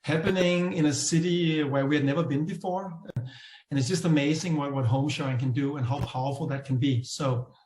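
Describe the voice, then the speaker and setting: A man's voice: on the high side, fairly even intonation, moderate pace, a little mellow. A man giving an informal speech of thanks, appreciative and a little hesitant. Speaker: speaker thanking hosts. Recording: echoey room sound.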